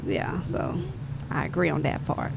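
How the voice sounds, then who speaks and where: Animated woman with a Southern US accent. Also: low voice, a little slow, creaky. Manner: animated, laughing, talkative. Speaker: panel guest. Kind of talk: casual panel chat. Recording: noisy background.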